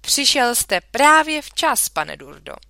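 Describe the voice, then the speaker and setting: A woman's voice: high-pitched, big pitch swings, creaky, pushed and bright, dry recording, voice pushed up, full character voice. A woman reading a children's story aloud, voicing an indignant, scolding mother in a dry room. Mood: appealing.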